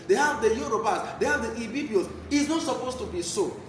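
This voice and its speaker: A man with a Nigerian accent preaches a Bible teaching sermon, emphatic and repeating key phrases. His voice is very high-pitched, animated and a bit bright, and he speaks fairly quickly. The room is echoey, with clear background noise.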